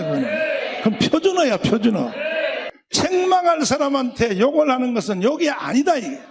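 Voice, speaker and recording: An older man, a pastor preaching a live sermon to a congregation, combative and mocking, scolding listeners in rough slang. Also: very high voice, in a large hall.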